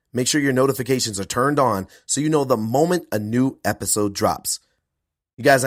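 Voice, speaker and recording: Guy hosting a podcast, croaky from a cold, bouncy earnest delivery, dead dry room. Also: medium pitch, no room sound. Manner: earnest, animated, self-promoting. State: hoarse from a cold. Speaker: podcast host and performance coach. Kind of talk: podcast intro monologue.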